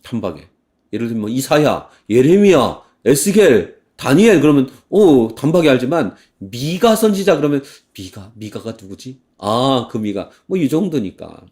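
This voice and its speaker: A male pastor giving a sermon in church, animated, acting out heated complaints and now and then singing a hymn slowly. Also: mid-range voice.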